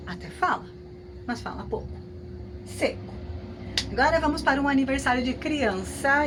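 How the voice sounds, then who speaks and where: A woman with a Brazilian Portuguese accent teaching a class, talking in a lively, conversational way with frequent tag questions. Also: sits high. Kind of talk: lecture with hypothetical examples.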